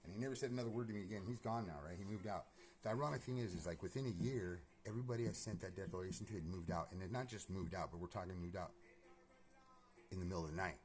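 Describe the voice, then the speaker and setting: Male vlogger with a low register, restless and foul-mouthed, talking fast from an empty house. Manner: profane, agitated, rambling. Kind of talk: rambling personal monologue. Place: empty house being renovated.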